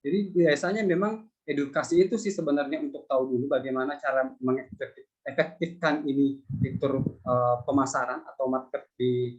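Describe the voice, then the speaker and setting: A man's voice: mid-range voice, brisk, hardly any pauses, darkish tone, lo-fi sound. A male lecturer answering student questions in a conversational public lecture, with many fillers and repeated phrases.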